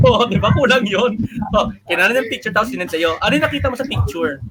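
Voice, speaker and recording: A man's voice: high-pitched, expressive, fast talker, heavy background noise. A Filipino man hosting an online chat, teasing and joking with his guest as he questions her. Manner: teasing, joking interviewer with frequent laughs. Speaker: host. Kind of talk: casual chat.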